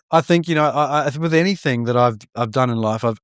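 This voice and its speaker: A man's voice: mid-range voice, normal speed, clear, resonant tone, no room sound. Nz guy guesting on a podcast, rambly and frank, lots of "right?", dead dry mic. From born in India, raised in New Zealand. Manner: candid, rambling, restarts often with frequent "right?". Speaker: podcast guest, mortgage broker. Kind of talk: casual chat.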